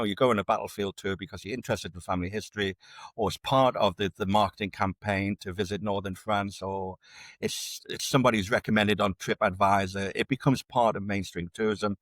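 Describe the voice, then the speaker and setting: Low-voiced male academic, dry sound. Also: no echo. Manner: repeats words and restarts often while building an argument. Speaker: dark tourism researcher, guest. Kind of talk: conversational academic interview.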